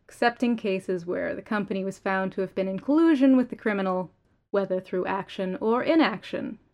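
Lady reading a stiff corporate lawyer guy, careful and formal, middle pitch. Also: a little mellow, muffled recording, close to an everyday voice. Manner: formal, deliberate legal phrasing. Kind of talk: audiobook character reading.

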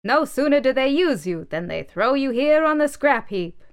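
A woman doing a loud scornful Hammerhead. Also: high-pitched, sing-song, moderate pace, clean tone, pitched above the performer's own voice. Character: scornful hammerhead scrap, blustering.

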